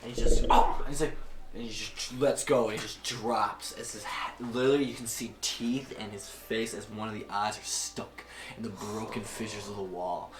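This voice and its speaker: A man's voice: fairly low pitch, steady tone, normal speed. A man narrating a tabletop game as game master, casual and profane, with vivid gory descriptions. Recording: roomy echo.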